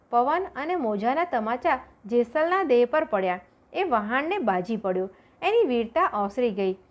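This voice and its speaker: A woman narrating a story aloud for an audiobook with expressive, dramatic delivery. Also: a little high, dull audio.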